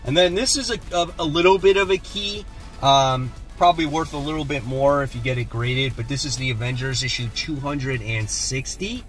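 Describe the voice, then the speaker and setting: A comic book channel host in his forties chats casually from a parked car, then moves outdoors and into a shop, filming himself on a phone held at arm's length. His medium-pitched voice runs at a moderate pace, relaxed and enthusiastic about his finds, with soft music underneath.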